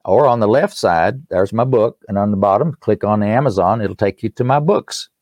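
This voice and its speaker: A man's voice: on the low side, normal speed, a little mellow, no echo, clean studio sound. An older man with an East Tennessee accent, explaining things in a folksy, earnest conversational way as an interview guest. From East Tennessee, United States. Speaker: musician and author, interview guest. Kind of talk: conversational promotional talk.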